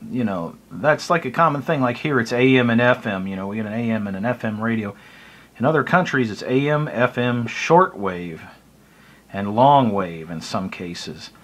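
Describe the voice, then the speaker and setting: A middle-aged American hobbyist vlogger with a mid-range, a bit bright voice and lively intonation explains something to camera at a moderate pace. His talk is casual, conversational and rambling, recorded close to the mic in a small indoor room by a curtained window.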